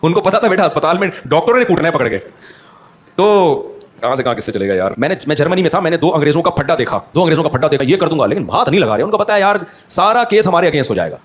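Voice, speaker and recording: Fast-talking man telling funny stories. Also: fairly high pitch. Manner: animated anecdote-telling, acting out the people in his stories. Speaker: Islamic scholar giving a talk. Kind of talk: humorous storytelling in a religious talk.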